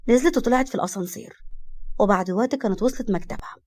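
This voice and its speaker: A woman with an Egyptian accent narrating an audio story in a brisk way. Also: mid-range voice, a little mellow.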